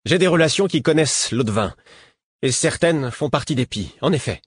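A man's voice: medium pitch, expressive, moderate pace, breathy edge, dry recording. A man voicing a proud, vengeful woman rebel who speaks sharply and defiantly in an audiobook. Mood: curt.

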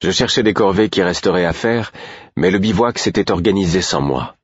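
A man reading a novel aloud as audiobook narrator, in a measured, even voice. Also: deep voice, slightly rough, no room sound, dull audio. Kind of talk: scripted narration.

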